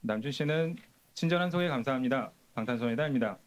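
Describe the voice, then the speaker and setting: Very fast-talking male interpreter, formal. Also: mid-range voice, animated. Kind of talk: formal consecutive interpreting at an official event.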